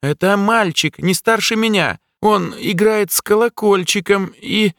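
A man voicing a young male jester and fire mage with a squeaky voice, in an audiobook. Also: unhurried, a bit bright, dry recording, clean studio sound. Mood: excited.

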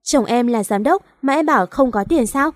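A blunt but caring female office manager who scolds sternly in a storybook reading, as a woman puts her on. The voice is fairly high and sounds dry and close. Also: expressive, normal speed, no echo. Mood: scolding.

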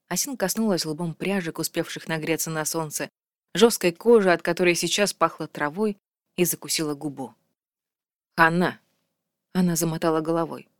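A woman reading a novel aloud in a calm, even narration. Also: fairly low pitch, no room sound, clean studio sound. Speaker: audiobook narrator. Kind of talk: scripted narration.

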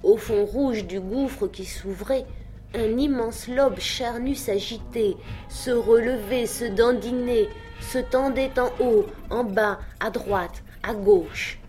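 A woman narrating an audiobook of a literary tale in a measured, expressive way. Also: on the high side, faint music behind.

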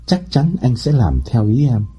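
Storybook philanderer read by a man: eager, flattering, dark husky voice. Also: mid-range voice, moderate pace, soft background music. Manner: eager, ingratiating, feigns surprise. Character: smooth-talking philandering young man.

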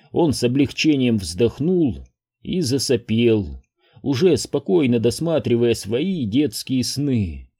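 Man reading a tense first-person audiobook, husky and mellow. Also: medium pitch. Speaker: audiobook narrator.

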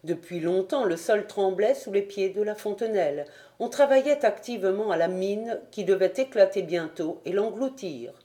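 A woman narrating a historical novel as an audiobook, reading in a steady, measured way. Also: medium pitch. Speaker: audiobook reader.

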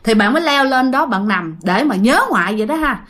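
A woman's voice: on the high side, expressive, a little fast, fairly bright tone. Chatty woman telling ghost stories. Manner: chatty, full of fillers, addresses listeners. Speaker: storyteller. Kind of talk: casual ghost story retelling.

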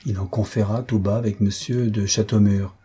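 A man reading a historical tale aloud as an audiobook narrator, in measured, even storytelling. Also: fairly low pitch, husky. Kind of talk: scripted narration.

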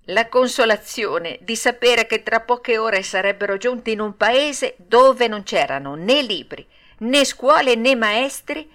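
A woman narrating a classic children's story with a lively, expressive reading. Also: a little high, unhurried. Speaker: audiobook narrator.

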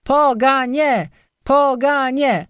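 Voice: medium pitch, normal speed, a little mellow, no echo, clean studio sound, lightly acted. A narrator voicing a drunken bald peasant who howls and bellows pagan chants in an audiobook. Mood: rowdy drunk. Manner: howling, slurred bellowing. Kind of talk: audiobook character voice.

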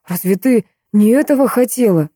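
A woman's voice: a little high, expressive, moderate pace, mellow, no echo, studio quality, voice pushed up. A woman reading an audiobook, voicing a fervent, unstable young man who talks with feverish insistence. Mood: eager.

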